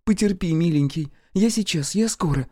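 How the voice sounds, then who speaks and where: A man voicing a frightened sixteen-year-old nurse, high and pleading in an audiobook. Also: normal speed, mellow, dry recording. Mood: anxious. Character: frightened teenage girl nurse, eager and tender.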